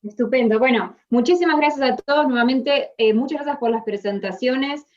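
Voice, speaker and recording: A woman moderator giving closing remarks on a panel over a video call, speaking haltingly with many fillers and restarts. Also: high-pitched, a little mellow, highs cut off.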